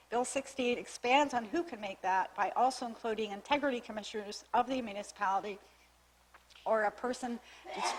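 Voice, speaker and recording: Reading out clauses of new legislation with small restarts, a municipal staffer gives the town council a formal, methodical briefing in the council chamber. Her fairly high voice is fading, and she coughs frequently. The audio is poor.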